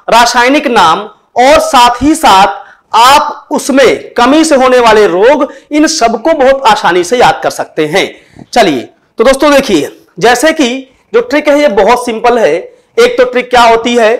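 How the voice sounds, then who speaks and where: Male teacher, exam-prep lesson, storytelling mnemonics, keeps quizzing the class. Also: very high-pitched. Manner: explains with rhetorical questions.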